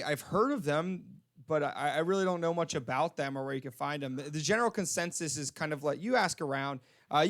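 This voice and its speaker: A man with a fairly high voice runs a tabletop role-playing game as its game master. He narrates loosely, laughs often and stumbles through fillers and restarts. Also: gravelly.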